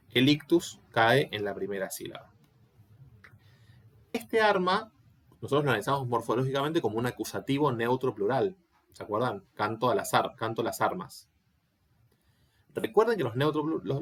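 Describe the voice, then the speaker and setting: A man giving an online Latin class, explaining step by step and often checking that students follow. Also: mid-range voice. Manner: patient, explanatory, asks checking questions. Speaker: Latin teacher.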